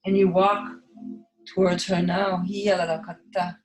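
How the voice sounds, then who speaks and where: A woman leading a guided spiritual meditation in a slow, hushed delivery with long pauses. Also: on the low side, little pitch movement. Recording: echoey reverb over soft music.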